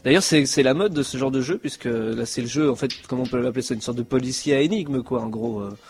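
A man's voice: medium pitch, fast. A man hosting a gaming talk show, asking quiz questions in a joking, stumbling way. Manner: joking, stumbling over words. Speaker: podcast host. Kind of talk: casual quiz banter.

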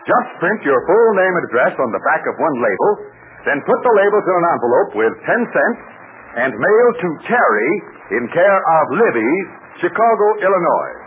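A man's voice: fairly high pitch, very animated, normal speed. A man with an American accent in the eager, scripted manner of an old 1940s radio announcer, selling and narrating to children. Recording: tinny, hissy 1940s radio recording.

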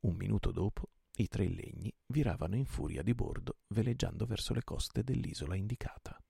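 Deep gravelly man reading a novel aloud. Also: fairly quick, dry recording, studio quality. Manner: lively, dramatic narration. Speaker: audiobook reader. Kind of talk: night-time novel reading.

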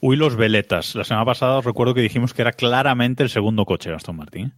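A man's voice: mid-range voice, quick pace, dry recording, studio quality. A man with a Castilian Spanish accent hosting a motorsport podcast, commenting in a casual, colloquial way.

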